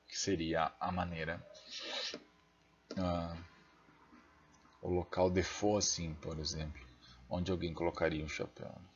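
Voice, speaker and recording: A man's voice: low-pitched, little pitch movement, a little slow, long pauses, highs cut off. A Brazilian man giving a recorded linguistics lecture, thinking aloud and checking in with frequent tag questions. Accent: Brazilian Portuguese. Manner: self-deprecating asides while using the mouse.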